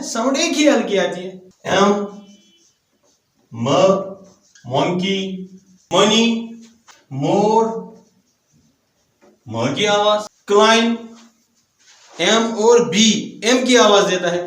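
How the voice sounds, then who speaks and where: A man teaching English phonetics, spelling letters aloud and slowly repeating example words. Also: sits high, fairly bright tone. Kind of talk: phonetics lesson. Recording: very echoey room.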